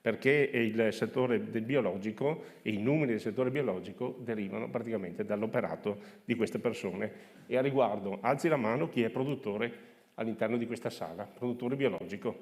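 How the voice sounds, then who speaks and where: A man speaking through a face mask in a halting way, presenting slides as an official at a conference. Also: fairly low pitch, darkish tone. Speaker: regional agriculture official presenting. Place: conference room with audience. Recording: reverberant hall.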